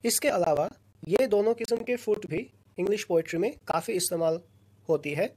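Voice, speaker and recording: A woman teaching a recorded lesson, explaining slowly and patiently in short phrases with pauses between them. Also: mid-range voice, dark tone, husky. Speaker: lecturer.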